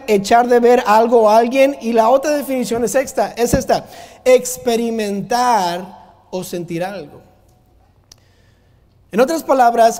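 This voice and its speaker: A man's voice: very high-pitched, a little mellow. A male pastor preaching a sermon, emphatic and full of rhetorical questions. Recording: long hall reverb.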